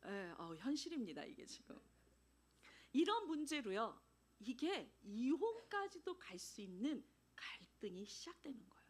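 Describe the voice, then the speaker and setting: A woman missionary preaching a sermon in a church, animated and acting out everyday dialogues. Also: a little high, measured pace, breathy edge. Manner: animated, acts out dialogues, laughs often.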